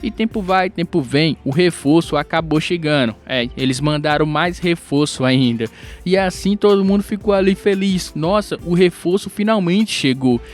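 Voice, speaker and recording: Male recap narrator, voice sitting a bit high, relaxed and chatty, lots of quick asides to the audience. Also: faint music behind. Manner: chatty, animated, with asides to the viewers. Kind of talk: casual storytelling recap.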